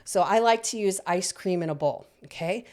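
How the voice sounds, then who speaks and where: A woman's voice: on the low side, normal speed, darkish tone. A middle-aged woman giving parenting advice, encouraging, repeating her points and checking in with the listener. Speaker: parenting coach. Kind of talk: instructional talk to parents.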